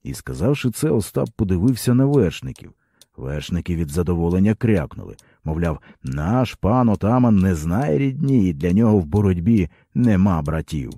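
A man narrating a literary story in a dramatic, expressive audiobook reading. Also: low-pitched, normal speed, breathy edge, dry recording, clean studio sound.

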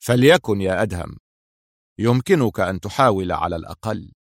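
A man's voice: on the low side, expressive, a little fast, a little mellow, dry recording, studio quality. A man voicing a cold, harsh, arrogant male captor in an audiobook.

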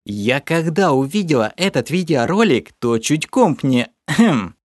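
A man voicing a cheeky, playful young girl with a bright, teasing way of talking. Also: a little high, very animated, a little slow, no echo, clean studio sound, pitched above the performer's own voice.

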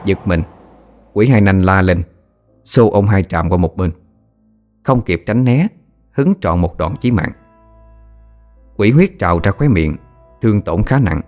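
A man's voice: deep voice, animated, unhurried, long pauses, a little mellow, faint music behind. A man narrating a ghost story in a dramatic, vivid way. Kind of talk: scripted horror story narration.

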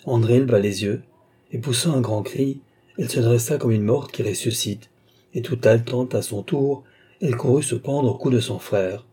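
A man narrating a classic novel as an audiobook, in a measured, dramatic way. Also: medium pitch, warm tone, husky. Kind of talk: scripted narration.

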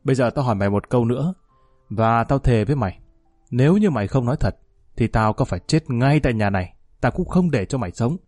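A man voicing a cold, menacing male police officer among gangsters, speaking low and harsh in a story reading. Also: expressive, fast, darkish tone, no room sound, soft background music, natural voice.

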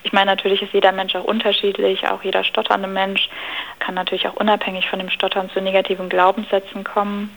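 Brief: woman therapist, gravelly and flat delivery, thoughtful, hedging. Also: medium pitch, fast, a little hiss or hum, rough recording. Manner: thoughtful, hedging, speaks in examples. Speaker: speech therapist and psychologist. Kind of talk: interview explanation.

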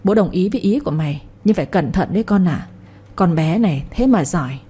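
A woman voicing a gruff, greedy village father who scolds and schemes. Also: fairly low pitch, lively intonation, a little fast, warm tone. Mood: scheming. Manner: coarse, scolding, domineering.

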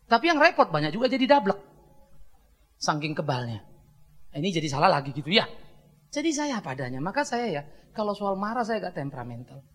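Animated, blunt middle-aged man preaching. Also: high voice, a little fast, long pauses. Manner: blunt, joking preacher swinging between soft asides and loud scolding. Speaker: pastor. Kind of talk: sermon.

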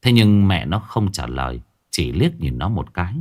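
A man narrating a horror story in a dramatic, expressive storytelling manner. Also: low-pitched, moderate pace.

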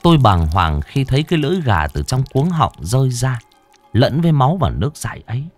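Dramatic, lively male horror storyteller. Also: mid-range voice, a little fast, soft background music. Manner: dramatic, suspenseful reading. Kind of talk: scripted horror narration.

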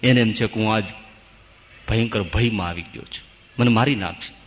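A man's voice: moderate pace, a little hiss or hum. Dramatic male monk preaching in a hall. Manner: dramatic, swinging between loud exclamations and hushed lows. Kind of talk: devotional sermon storytelling.

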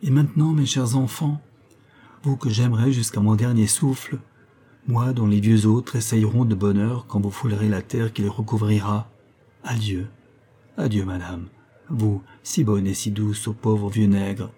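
A man's voice: fairly low pitch, fairly even intonation, moderate pace, slightly rough. Man voicing a tender dying old man. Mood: farewell. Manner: soft, gentle farewell speech.

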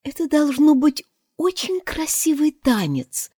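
Woman reader playing Alice: a shy, well-mannered little girl in a storybook, small and high. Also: big pitch swings, slow pace, warm tone, no room sound, clean studio sound, exaggerated voice. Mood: polite. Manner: polite, timid. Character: polite, curious little girl.

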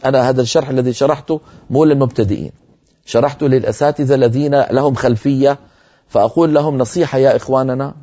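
A middle-aged man teaching Quran recitation rules in a lecture, slowly drawing out the example words as he explains them. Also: mid-range voice, dark tone, highs cut off.

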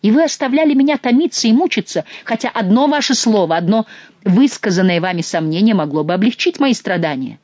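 A man's voice: sits high, wildly swooping pitch, no echo, pitched above the performer's own voice, exaggerated voice. Man voicing a raging haughty prince. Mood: furious. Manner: haughty, accusing, quick to shout. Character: imperious hot-tempered male prince, young nobleman.

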